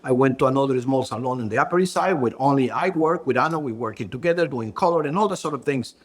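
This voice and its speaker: Halting man. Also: mid-range voice, lively intonation. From Ecuador. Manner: halting, searching for words. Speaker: brand co-founder and hairstylist. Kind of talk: podcast interview.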